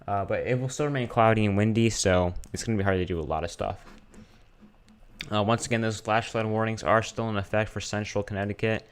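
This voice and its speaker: A man's voice: on the low side, steady tone, a little fast, a little hiss or hum. A man giving casual live weather commentary as a streamer, informal and hesitant, often thinking aloud as he checks his screen.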